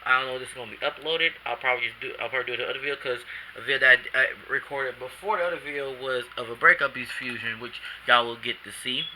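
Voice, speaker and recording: Talking fast with barely any pauses, a man with a sharp, mid-range voice reviews an action figure at home, sounding somewhat sleepy after napping. He rambles in casual slang and keeps correcting himself mid-sentence. The camcorder recording is rough, with light background noise.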